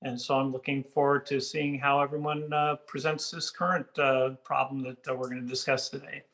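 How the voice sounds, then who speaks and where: An older man introducing himself informally as a judge, halting with frequent uhs. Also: mid-range voice, level tone, a bit bright. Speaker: competition judge.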